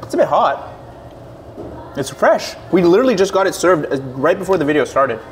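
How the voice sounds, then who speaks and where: Young male vlogger, slightly high voice, chatty and exclamatory while eating; faint restaurant chatter behind. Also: sing-song, brisk, a little hiss or hum. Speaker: co-host. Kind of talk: casual food mukbang chat. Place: restaurant in Toronto.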